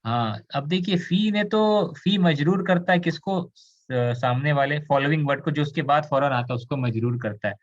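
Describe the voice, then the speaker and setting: A man's voice: a little high, normal speed, dull audio. A man from India teaching an Arabic grammar class, explaining patiently, switching into English and asking students questions. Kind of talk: online class lecture.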